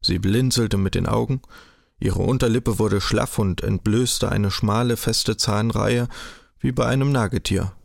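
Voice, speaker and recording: A man reading a literary audiobook in a measured, even storytelling manner, close to the mic. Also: lowish voice, vocal fry, no room sound. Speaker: audiobook narrator.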